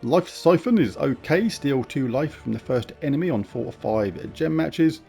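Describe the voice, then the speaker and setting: A man's voice: fairly high pitch, expressive, moderate pace, creaky, dark tone, faint music behind. A man giving a casual, chatty preview of a game's weekly events with blunt, informal opinions. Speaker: gaming YouTuber. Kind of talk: casual game preview commentary.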